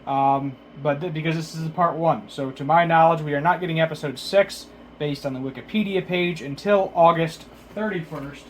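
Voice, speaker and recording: Slightly slurred from a dentist-numbed mouth, a man recaps things casually and without a script as a video reviewer, hesitating, rambling, and correcting himself along the way. His voice is a little high and moves at a moderate pace over slight background noise.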